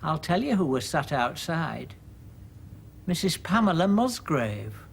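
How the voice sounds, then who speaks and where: A man's voice: on the high side, sing-song, measured pace, gravelly, slight background noise, heavily acted. A middle-aged man, delivering a dry, prim dramatic monologue. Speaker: monologue narrator.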